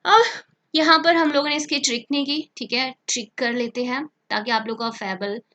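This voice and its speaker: A woman's voice: high-pitched, moderate pace, bright, forceful tone, highs cut off. A woman teaches vocabulary for competitive exams. She explains each word in Hindi, repeats the terms several times, and keeps checking in with her students as she goes. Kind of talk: online exam-prep lesson.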